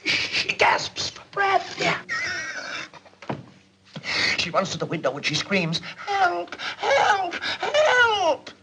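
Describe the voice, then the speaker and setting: An actor playing an excitable middle-aged businessman boss in a 1940s film, blustering and theatrical. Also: fairly high pitch, a little slow, long pauses, close to an everyday voice. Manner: blustering, theatrical, swings from loud to hushed. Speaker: company boss. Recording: old film soundtrack with faint hiss.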